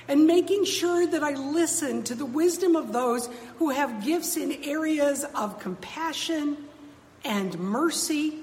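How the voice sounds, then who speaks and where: An American woman pastor delivering a sermon, her voice echoing through a large church sanctuary. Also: high-pitched. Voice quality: echoing in a long cathedral-like reverb. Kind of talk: sermon, addressing a congregation. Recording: long church reverb, clear background noise.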